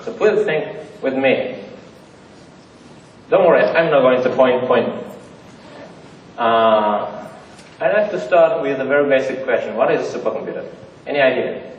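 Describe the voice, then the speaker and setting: A man with a medium-pitched, animated voice gives a conference talk to an audience in a large theater, speaking a little slowly and pausing often. He jokes in plain, non-native phrasing packed with fillers. The recording is dull and roomy, captured from far off among the audience.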